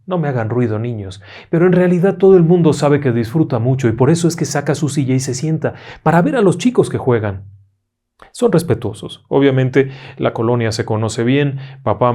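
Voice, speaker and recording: Dramatic male ghost-story narrator. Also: medium pitch. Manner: dramatic, hushed in tense moments. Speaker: storyteller host.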